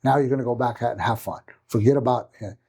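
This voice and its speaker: A middle-aged jiu-jitsu coach, appearing as a podcast guest, rambles through a long anecdote and tacks questions onto many of his sentences. He speaks quickly in a medium-pitched voice that's mellow and a bit rough.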